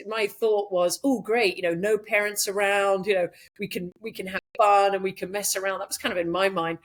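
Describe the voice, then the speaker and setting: A British woman, a podcast guest, telling her story in a chatty way with many ums and the odd laugh. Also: fairly low pitch. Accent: British English. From Britain. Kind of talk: conversational storytelling.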